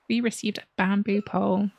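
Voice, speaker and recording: A woman hosting a let's play, chatting casually through her game and sometimes dropping into soft whispered asides. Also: medium pitch.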